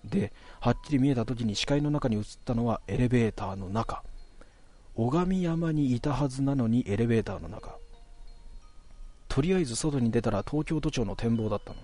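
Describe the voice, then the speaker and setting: A man casually telling a ghost story in a relaxed, conversational way, stretching out some phrases. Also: mid-range voice, a little fast, faint music behind.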